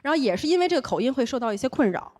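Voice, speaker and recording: High-voiced and racing, a young Taiwanese woman with a Beijing accent delivers a comedy set on stage to a live audience. Her storytelling is lively, full of voices she quotes and imitates.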